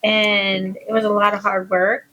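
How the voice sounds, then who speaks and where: A woman's voice: mid-range voice, flat delivery, a little slow, pushed and bright, muffled recording. A middle-aged woman, a guest friend of the host, chatting easily and laughing at herself. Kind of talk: casual chat.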